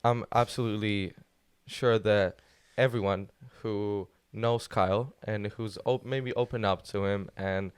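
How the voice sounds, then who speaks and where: Young Polish-accented man, smooth voice. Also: on the low side, steady tone, measured pace, few pauses. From Poland. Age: teens. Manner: searching for words, many fillers and restarts. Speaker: guest, student youth leader. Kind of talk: casual podcast chat.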